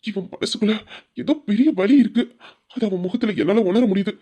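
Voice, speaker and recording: A woman's voice: medium pitch, a little fast, dark tone, breathy edge. A woman speaking an anxious, questioning inner monologue in an amateur audio drama. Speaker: storyteller voicing the characters.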